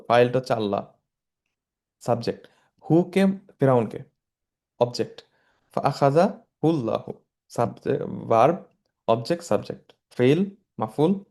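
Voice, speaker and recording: A man's voice: mid-range voice, a little mellow. A man teaching Quranic Arabic grammar, explaining each word in turn and mixing English terms into his talk. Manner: slow, measured recitation of verses.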